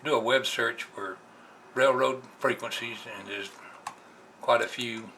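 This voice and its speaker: Seated indoors at his computer, this American hobbyist vlogger gives a relaxed, no-frills explanation in a medium-pitched voice that sounds pushed and bright. His tone stays steady and his pace runs a little slow. The camera's built-in microphone yields a noisy, amateur-quality recording.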